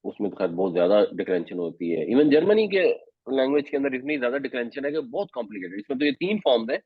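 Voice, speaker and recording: A man teaches Quran commentary and Arabic grammar, explaining step by step and slipping English words into his Urdu. His voice sits at an ordinary middle pitch. The sound is dry and narrow, like a phone line. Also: big pitch swings, husky, no room sound. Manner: patient explaining, mixes English terms into Urdu.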